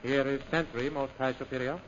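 A man's voice: medium pitch, steady tone, brisk, natural voice. A man plays an obedient henchman in a vintage radio serial. He is deferential and clipped, in a mid-range voice on a dull, faintly noisy recording. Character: obedient male henchman addressing his master. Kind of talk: old radio serial acting.

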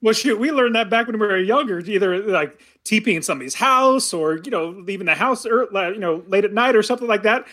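A middle-aged man co-hosting a podcast in casual chat, animated and acting out parents yelling. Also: sits high, quick pace, hardly any pauses. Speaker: podcast co-host.

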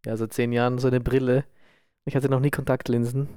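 A man's voice: mid-range voice, little pitch movement, brisk, mellow, smooth, dry recording, studio quality. A man, a podcast co-host, chatting casually and mocking himself. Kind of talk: casual chat.

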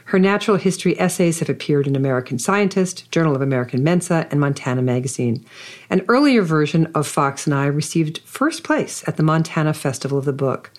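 A woman's voice: low voice, animated, brisk. A woman hosting an author interview, reading a prepared introduction and then asking effusive, admiring questions. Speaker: podcast host interviewing an author.

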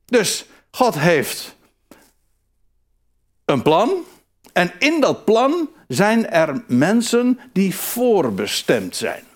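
This sermon comes from a man whose voice sits high and moves very slowly, broken by frequent pauses. His delivery is animated and emphatic, full of repeated phrases and constant restarts.

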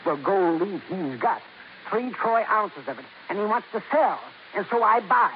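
An actor playing a nervous, excitable male gold buyer in an old radio drama. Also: sits high, normal speed. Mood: agitated. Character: jittery, fast-talking male gold buyer. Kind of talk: 1950s radio drama acting. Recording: muffled old radio recording with hiss.

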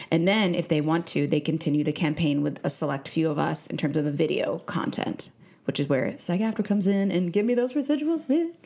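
A woman co-hosting a podcast, chatting casually and telling animated, joking stories. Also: sits low, vocal fry. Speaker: podcast co-host. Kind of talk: casual chat.

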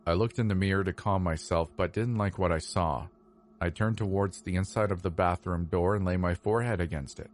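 A man with a very low voice reads a creepy first-person tale. His delivery is slow, measured and somber, built for scripted horror narration. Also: fairly even intonation, slight background noise.

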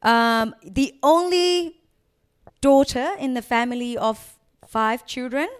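A woman's voice: high voice, takes it slowly, smooth. A young adult woman from Thailand, a podcast guest talking casually and laughing often. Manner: laughs often, loose playful talk. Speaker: guest, private chef. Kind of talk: casual chat.

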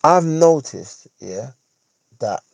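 A podcast host speaking London roadman slang in that accent delivers a casual, opinionated monologue, leaning on repeated phrases and tag questions to check listeners follow and agree. His voice sits on the high side with lively intonation, drawn-out words, a creaky texture, and a darkish tone. It's a dry, low-quality recording.

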